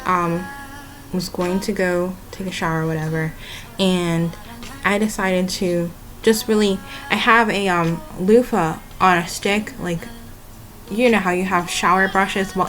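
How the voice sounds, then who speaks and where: A woman's voice: medium pitch, a bit bright, rough recording. A young woman vlogging casually and candidly about self-care, with frequent ums and fillers.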